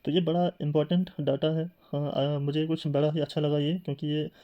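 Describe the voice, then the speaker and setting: A man's voice: fairly high pitch, flat delivery, fairly quick, muffled recording. A man teaching a classroom lecture in tinged speech, explaining step by step with rhetorical questions and filler sounds.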